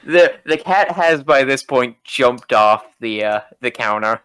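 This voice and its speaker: A man narrating as game master in a casual, halting way. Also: medium pitch, animated, a bit bright, clear, resonant tone, dry recording. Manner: casual, with frequent fillers.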